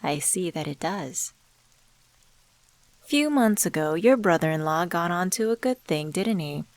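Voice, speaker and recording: A woman performs a scripted ASMR roleplay monologue as a mysterious stranger, addressing the listener in a somewhat low voice that sounds very dry and close. Suave, measured and animated, she poses rhetorical questions with smoothly condescending, teasing confidence, as though she knows everything about the listener. Her mood is smug and taunting.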